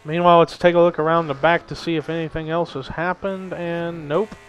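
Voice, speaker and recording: A young man gives casual, chatty play-by-play commentary on a simulated race, lifting his energy at the big moments. His voice is a little high, brisk, and clean-toned, with a flat delivery. The audio is poor, with faint background noise.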